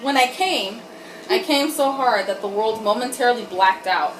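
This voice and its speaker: Her voice is on the high side and animated, moving at a normal speed. A wine-tipsy host of a comic group reading, she performs erotic fiction dramatically, giggling, being irreverent, and stopping for jokes. Faint background noise and a distant mic make it sound roomy.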